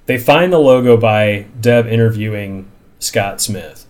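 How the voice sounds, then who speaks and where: A man's voice: fairly low pitch, a little slow. A man recapping a TV episode in casual chat, incredulous and given to long run-on stretches of plot. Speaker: podcast host recapping a TV episode.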